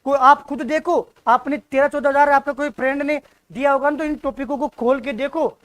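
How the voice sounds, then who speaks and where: A man's voice: extremely high pitch, fairly even intonation, fairly quick, a bit bright. A young man teaching an exam-prep lesson in an informal, direct, exhorting way, often repeating his points. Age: young adult. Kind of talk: informal classroom lecture.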